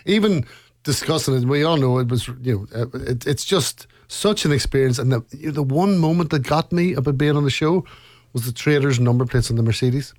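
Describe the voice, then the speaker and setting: A Northern Irish man speaks as an interview guest in a mid-pitched voice. He tells his story conversationally and leans on repeated phrases for emphasis. The recording is dry and free of room sound. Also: brisk, darkish tone, no echo. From Northern Ireland, County Antrim. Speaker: interview guest, reality show contestant.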